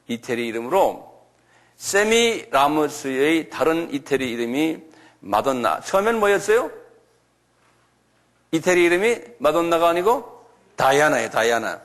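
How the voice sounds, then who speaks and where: A man giving a church lecture, slowly spelling out and repeating foreign names and often asking his listeners questions. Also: on the high side, sing-song, fairly bright tone. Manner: slow, repetitive, asks the audience questions. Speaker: lecturer on creationism.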